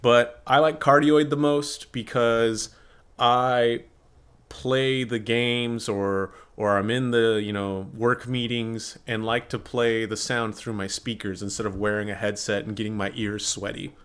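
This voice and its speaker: A man reviewing tech gear in a relaxed, chatty way, with an ordinary mid-range voice. He gives blunt, candid opinions as he goes. He is recorded on a desktop USB condenser mic. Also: mid-range voice, measured pace, clear, resonant tone. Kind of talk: casual product review. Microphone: desktop USB condenser microphone.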